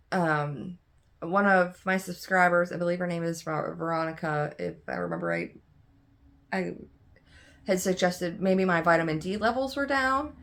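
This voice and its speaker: A woman's voice: lowish voice, gravelly, a bit bright. A young adult woman chatting casually and candidly to camera as a craft vlogger, tired and yawning, rambling with many fillers and restarts. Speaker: cross stitch vlogger.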